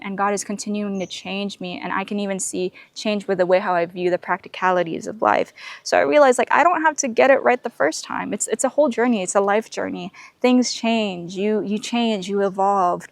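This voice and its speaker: Woman host, mid-pitched, reflective and encouraging faith talk, loose fillers, dry close sound outdoors. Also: dry recording. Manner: frequent fillers and restarts. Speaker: podcast host. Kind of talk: faith-based personal reflection. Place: outdoors on a canopy walk.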